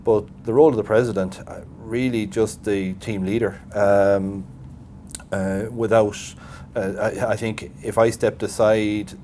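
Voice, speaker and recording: A man from Galway with a West of Ireland accent, chatting casually in an interview and haltingly thinking aloud. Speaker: president of a voluntary radio society. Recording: steady background noise with low rumble.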